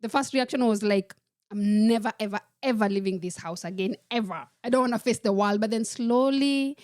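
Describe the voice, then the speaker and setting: A woman from Kenya, a podcast guest telling her life story in a measured, reflective way. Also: medium pitch, darkish tone, no room sound, studio quality. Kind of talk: personal storytelling in a podcast interview.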